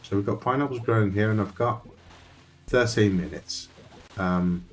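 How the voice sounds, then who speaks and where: Playing a survival game on stream, this native Dutch speaker talks at a moderate pace in a lowish voice. Soft music plays in the background as he wanders through his thoughts and chats with viewers.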